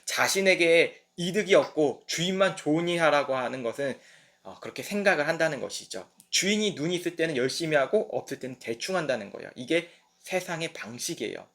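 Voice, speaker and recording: Lively, higher-voiced preacher man. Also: fairly quick. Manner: lively storytelling that acts out quoted voices. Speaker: pastor. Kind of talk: sermon at a midweek service.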